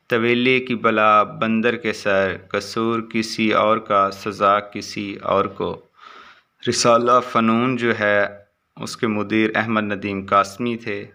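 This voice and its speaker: A man reading short exam answers aloud as a teacher, in a steady recitation with brief asides. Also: on the low side, vocal fry, clear, resonant tone.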